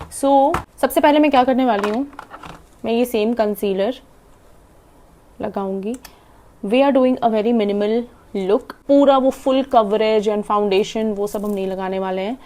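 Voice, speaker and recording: A young Indian woman with an Indian accent, chatting fast through a casual makeup tutorial as she applies it and swallowing half her words. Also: medium pitch, a little mellow, a little hiss or hum. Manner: chatty, demonstrating while applying makeup. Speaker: makeup vlogger. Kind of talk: casual makeup tutorial, Hindi-English mix.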